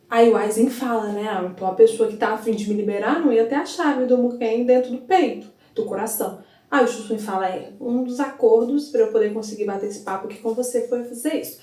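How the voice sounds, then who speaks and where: Woman vlogger, chatty and lively, mellow higher voice, roomy echo, a bit off-mic. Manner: chatty, animated, retells scenes with quoted lines. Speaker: anime recap youtuber. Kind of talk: casual excited episode recap. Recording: echoey room, mic at a distance.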